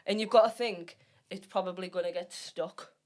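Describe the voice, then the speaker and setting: A woman with a slightly low voice co-hosts a podcast. She rambles through her points with constant fillers and the odd blunt swear word. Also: fairly even intonation, normal speed, a crowd in the background. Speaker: podcast co-host. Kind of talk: casual chat.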